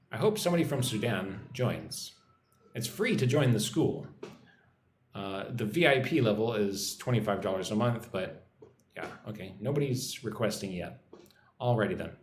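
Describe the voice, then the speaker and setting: Speaking at a moderate pace in an expressive, medium-pitched voice, an American man hosts a casual English-teaching livestream. He says hi to viewers and reads out and answers their comments in a friendly, informal way. There's a roomy echo and a little background noise.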